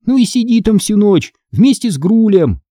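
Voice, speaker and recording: A man voicing an excited young girl who bosses her little brother around, eager and full of exclamations. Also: high-pitched, normal speed, no echo, clean studio sound, voice pushed up. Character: excited young girl, bossy older sister.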